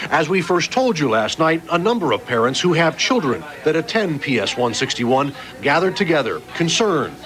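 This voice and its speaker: Male TV news reporter, higher voice. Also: poor audio. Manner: steady, formal reporting. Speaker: field reporter.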